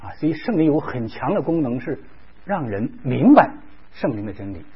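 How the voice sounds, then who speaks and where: A man's voice: medium pitch, big pitch swings, moderate pace, husky. A man preaching a sermon, telling a story with animation, acting out quoted voices, and dropping in English words. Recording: dull lo-fi recording.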